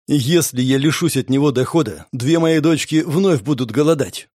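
A man's voice: medium pitch, normal speed, darkish tone, dry recording, studio quality, close to an everyday voice. A man reading the part of a desperate male guild general who begs in a shaking voice for his daughters' sake. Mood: pleading. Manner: trembling, pleading.

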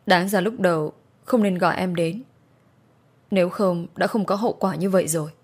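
A woman voicing a caring young man who speaks softly and pleadingly. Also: fairly low pitch, normal speed. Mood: apologetic. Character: gentle young man, caring son and boyfriend.

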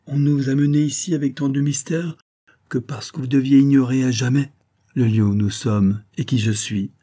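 A man voicing a calm, mysterious young woman bent on vengeance, speaking gravely and gently in an audiobook reading. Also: mid-range voice, moderate pace, pitched above the performer's own voice, lightly acted.

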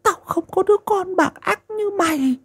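A man voicing an old mother, righteous and grieving, who scolds her wicked son in shrill, wailing cries. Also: expressive, moderate pace. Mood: furious.

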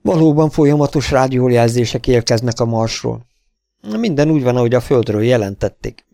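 A man's voice: medium pitch, warm tone, dry recording, clean studio sound, voice pushed up, close to an everyday voice. A man reading an eager male scientist crewman. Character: adult male scientist crew member reporting findings.

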